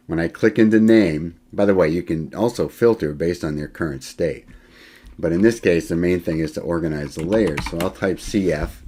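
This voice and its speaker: With a deep voice, a male college instructor demonstrates software in a screen-recorded lecture while typing can be heard. He speaks in a relaxed manner, reasoning aloud, filling pauses and fixing his own slips.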